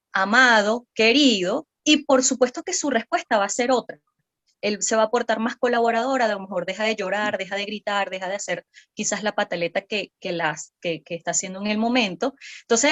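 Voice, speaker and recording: A woman's voice: fairly high pitch, a bit bright. A woman, a psychopedagogue guest on a podcast, explaining parenting patiently with many fillers and tag questions.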